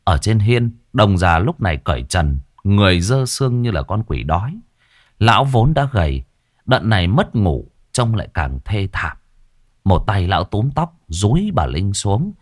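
A man narrating a ghost story in a lively, dramatic way. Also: lowish voice, moderate pace, no room sound, clean studio sound.

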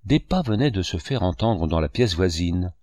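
A man reads a classic novel in a measured, expressive way. His voice is very low and deep. The recording is dry with no room sound. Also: no room sound. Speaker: narrator. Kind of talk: audiobook narration.

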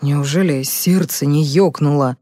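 Woman reading a menacing young man, sharp and mocking, low dark tone, dry recording. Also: unhurried, dry recording. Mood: angry. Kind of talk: audiobook character reading.

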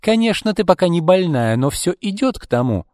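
A man's voice: mid-range voice, lively intonation, moderate pace, a little mellow, no room sound, clean studio sound, big-room sound, voice pushed up, close to an everyday voice. A man voicing a spiteful, jealous young woman who sneers and hisses threats. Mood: spiteful, menacing.

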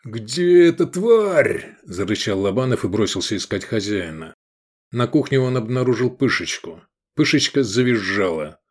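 Expressive male audiobook narrator. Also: lowish voice, normal speed. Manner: expressive, voicing every character.

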